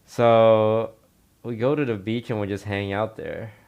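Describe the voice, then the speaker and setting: Young male podcast co-host, gravelly, laid-back rambling storyteller. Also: lowish voice, a little slow, phone-quality sound. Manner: relaxed, rambling with many fillers. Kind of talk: casual storytelling.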